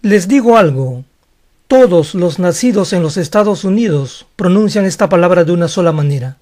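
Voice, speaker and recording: A man's voice: sits high, animated, moderate pace, a little mellow. A man explaining pronunciation in a casual video lesson, chatty and explanatory. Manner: chatty, explains with a skeptical aside. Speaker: language teacher.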